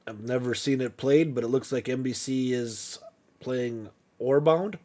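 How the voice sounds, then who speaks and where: A man's voice: medium pitch, unhurried. Laid-back man chatting on a game stream. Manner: relaxed, muttering to himself, laughs easily. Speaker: livestream host. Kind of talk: casual gameplay chat.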